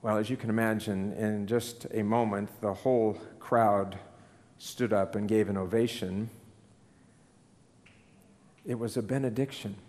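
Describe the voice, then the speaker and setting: A man giving a sermon, telling a story in an earnest, unhurried way. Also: lowish voice, steady tone, darkish tone, in a large hall. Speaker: preacher.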